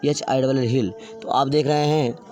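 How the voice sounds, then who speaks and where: A man teaching English grammar, slowly spelling out words letter by letter and repeating them. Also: medium pitch, steady tone, warm tone, faint music behind. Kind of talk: classroom grammar lesson.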